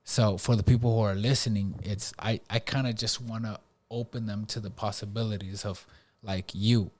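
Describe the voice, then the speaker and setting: Low-voiced laid-back male podcast host. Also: steady tone, normal speed, a little mellow. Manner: laid-back, peppers speech with "bro" and "right?". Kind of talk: casual chat.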